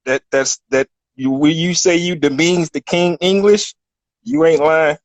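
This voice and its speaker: A man from Virginia calling in to a live stream, talking in a halting, slangy way. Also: on the high side, dry recording. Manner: halting, repeats words, slangy. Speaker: caller. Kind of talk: casual call-in chat.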